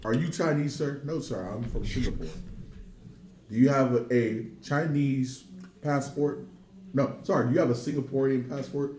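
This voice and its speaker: A man's voice: mid-range voice, normal speed, dark tone. A man trading crude jokes with friends and playing out a mock interrogation. His voice carries room echo, and faint noise sits behind it. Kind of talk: casual crude banter among friends.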